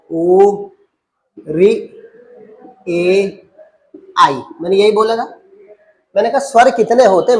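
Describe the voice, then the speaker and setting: A man teaches a grammar lesson in a patient, drilling way. He keeps asking his students questions and answering them himself, and repeats each key term again and again. He calls them "beta". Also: high-pitched. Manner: addresses students as beta and babu.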